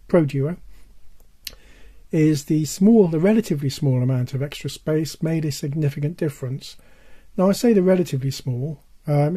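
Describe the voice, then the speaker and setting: An older man presenting casually in a halting way, his hoarse, worn voice giving out as he stresses his points. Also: a little high, mellow. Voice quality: husky, dull and worn. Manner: halting, repeats points for emphasis. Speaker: presenter of a music tech video. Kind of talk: casual product-advice talk.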